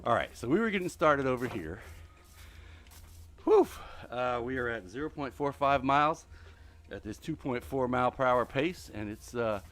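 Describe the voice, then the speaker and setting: A middle-aged man hosts a live gameplay stream while walking on a treadmill, so he sounds out of breath. He rambles in a chatty way and talks back to the creatures in the game. His voice sits at an ordinary middle pitch for a man. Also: sing-song, normal speed, fairly bright tone, slight background noise. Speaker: host.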